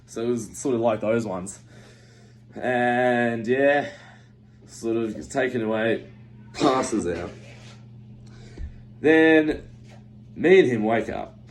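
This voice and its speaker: A man's voice: mid-range voice, slow, pauses often, slight background noise. A young Australian man giving a comic storytelling speech, acting out his friends' voices and swearing casually. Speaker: speech giver.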